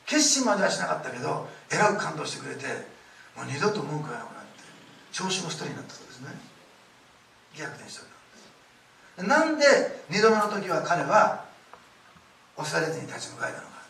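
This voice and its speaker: A middle-aged man preaching a sermon, telling stories with lively acted-out quotes, in a church hall. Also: a little high, a little fast, creaky, pauses often, a little hiss or hum. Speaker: pastor. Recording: echoey room, distant mic, faint ambience.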